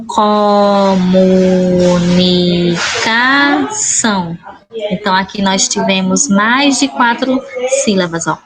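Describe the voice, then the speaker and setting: Slow, patient Brazilian woman teacher. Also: mid-range voice, low-quality recording. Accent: Brazilian Portuguese. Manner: slow, patient, spells out syllables, asks "certo?". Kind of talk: recorded summary lesson for schoolchildren.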